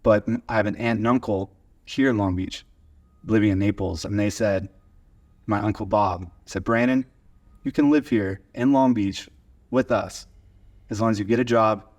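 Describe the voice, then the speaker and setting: With a voice on the low side and a little mellow, a twenty-something from small-town Oklahoma talks at a moderate pace, leaving long pauses as he tells stories. He's a video studio owner being interviewed casually on a podcast, set in his converted garage studio, and he has an American accent.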